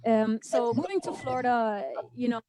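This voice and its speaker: A young Saudi Arabian woman, a dancer appearing as a guest, answers questions over a video call from a room in her home, picked up by a webcam. Her voice is fairly high and warm at a moderate pace, and she hesitates a lot, filling gaps and saying she feels nervous.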